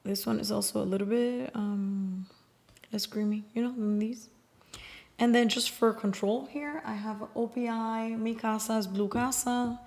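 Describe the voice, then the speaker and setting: A woman's voice: a little high, fairly even intonation, measured pace, a little mellow. Woman, nail polish reviewer, chatty and offhand, close to the mic, sometimes whispers. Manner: chatty, swears casually, sometimes drops to a whisper. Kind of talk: casual swatching chat.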